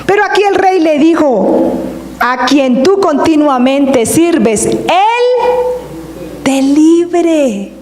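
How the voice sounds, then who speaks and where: A woman preacher delivering a sermon, reading scripture and explaining it with earnest, drawn-out emphasis. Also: high-pitched, expressive, darkish tone, slight background noise. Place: church hall. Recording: echoey hall with long reverb.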